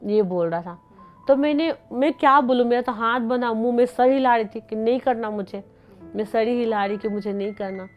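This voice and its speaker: A woman's voice: a little high, moderate pace, lo-fi sound, soft background music. A young woman, an interview guest, giving an emotional personal account and acting out both sides of the dialogue as she tells it.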